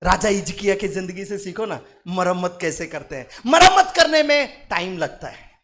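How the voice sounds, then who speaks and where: High-voiced, bright-toned preaching man. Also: animated, moderate pace. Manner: emphatic preaching, swinging from low murmurs to loud shouts; repetitive, call-and-response with the congregation. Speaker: pastor. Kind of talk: Hindi sermon. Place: church prayer meeting.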